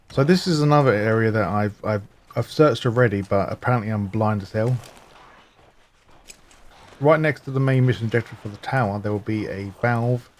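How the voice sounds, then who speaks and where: A man talking viewers through a game walkthrough step by step, explaining where to find items. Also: on the low side. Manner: instructive, step-by-step, steady. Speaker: gaming guide narrator. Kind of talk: walkthrough commentary.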